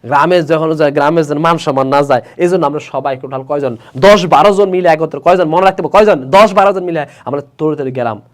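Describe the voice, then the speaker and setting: A man with a Bangladeshi Bengali accent teaches a literature class, his voice sitting a little high. He reads lines from a story aloud, then breaks them down in plain, casual speech and puts questions to his students. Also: fast, hardly any pauses.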